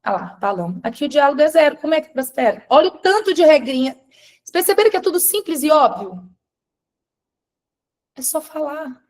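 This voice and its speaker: A woman from Brazil running a live-stream coaching talk, animated, calling on viewers by name and shifting between soft asides and loud stresses. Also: sits high, brisk, long pauses. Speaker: relationship coach.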